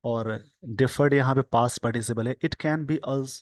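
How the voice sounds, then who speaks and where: A man with an Indian accent teaches English from a newspaper editorial, reading English phrases slowly and explaining them in Hindi. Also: medium pitch, no echo.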